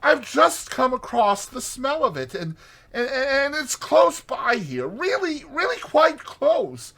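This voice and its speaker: Guy doing a small homesick mole for an audiobook, high voice, begging and stammery, swoopy. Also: very animated, slow pace, creaky, a bit bright, breathy edge, exaggerated voice. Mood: anguished pleading. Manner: pleading, stammering urgency. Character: Mole, timid homesick animal, anguished and pleading.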